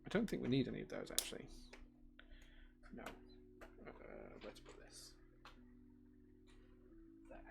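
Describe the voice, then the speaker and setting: A man's voice: medium pitch, big pitch swings, slow, gravelly, long pauses, over loud music. A man hosting a live stream, chatting casually, reading out viewer chat and thanking people as he works. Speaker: livestream host building keyboards.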